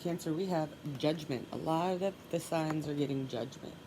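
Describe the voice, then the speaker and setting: Under a constant background hiss, a woman gives a solo tarot reading at a moderate pace. Her voice is low and congested, and she stays calm, gently repeating the same soft requests while pulling cards.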